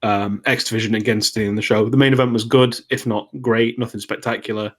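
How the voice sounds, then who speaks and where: A man's voice: fairly low pitch, fairly quick. Easygoing male podcast co-host. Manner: relaxed, lays out match events play by play. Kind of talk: casual recap chat.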